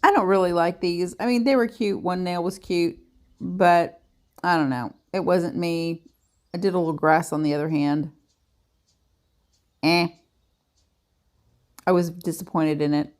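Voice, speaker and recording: A woman's voice: lowish voice, measured pace, long pauses. A woman giving a chatty, self-deprecating nail art tutorial in a casual voice-over.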